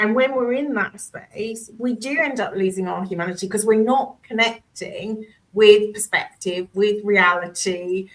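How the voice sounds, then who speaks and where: A woman's voice: mid-range voice, a bit bright, low-quality recording. A woman hosting a reflective conversation over a video call, thinking aloud and searching for her words. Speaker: host.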